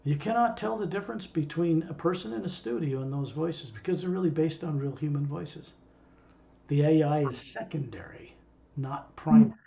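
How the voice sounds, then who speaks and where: A man's voice: a little high, moderate pace, vocal fry, dark tone, dull audio, a little hiss or hum. A man who acts as a spiritual teacher, talking casually and digressively to a small group. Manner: rambling, digressive.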